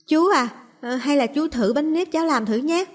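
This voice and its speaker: A woman's voice: high voice, normal speed, pitched above the performer's own voice, natural voice. A woman voicing a sweet but cunning little girl in a storybook reading, with a pleading childlike manner. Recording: long reverb.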